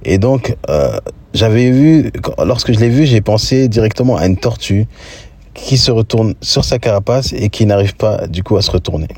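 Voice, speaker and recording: A man with a very low, husky voice recounts a personal memory in a relaxed, conversational way. He talks thoughtfully and keeps pausing mid-sentence to find the right word. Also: no room sound. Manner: reflective, conversational, searching for words. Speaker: storyteller. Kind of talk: casual spoken storytelling.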